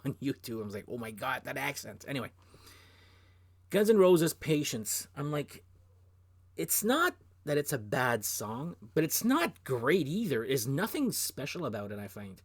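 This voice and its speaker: A man's voice: medium pitch, very animated, normal speed, husky. Blunt man with a Canadian French accent. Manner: blunt, swears, rambling asides. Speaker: music show host. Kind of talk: casual opinionated chat.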